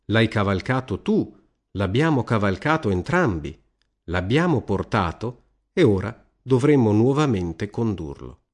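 A man reading a fable aloud as a narrator, measured and expressive. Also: fairly low pitch. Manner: measured, lively storytelling.

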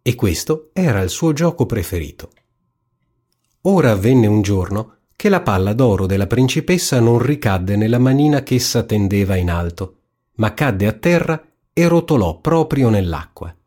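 A man narrating a fairy tale in a calm, even storybook reading. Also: on the low side, moderate pace, slightly rough.

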